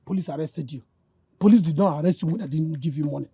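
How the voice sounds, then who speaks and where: A man's voice: a little high, fast talker, dark tone, slightly rough. An actor playing a married man with a Nigerian accent who stammers as he accuses a young woman of taking his money. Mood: accusing.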